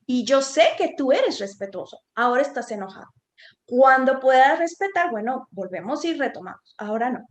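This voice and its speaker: A woman's voice: high voice, lively intonation, normal speed. A woman, a psychotherapist giving an informal talk to parents, conversational, often checking in with tag questions. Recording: echoey room.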